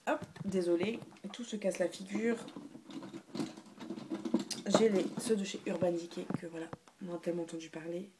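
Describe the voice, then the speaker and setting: A woman's voice: fairly low pitch, steady tone, moderate pace, long pauses, noisy background. A woman chatting casually through a beauty haul video, hesitant, with many fillers and restarts. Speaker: beauty vlogger.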